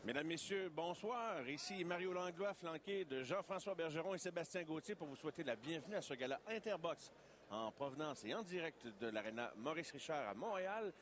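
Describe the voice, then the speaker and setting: A man's voice: a little high, expressive, fairly quick. Quebec male boxing commentator over arena noise. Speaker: sports broadcast host and commentator. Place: arena ringside. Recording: clear arena background noise.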